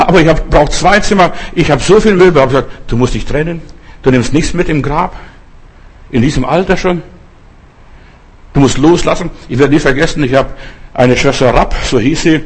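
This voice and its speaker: Older male pastor, husky tenor, storytelling sermon. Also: fairly high pitch. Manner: preaching with personal stories and direct address.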